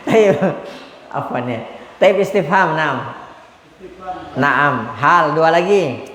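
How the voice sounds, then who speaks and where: Guy teaching arabic class, kinda high voice, lots of quick prompts n praise, big echoey mosque hall. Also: lively intonation, a bit bright. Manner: prompts students, corrects and praises briefly. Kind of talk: classroom lesson.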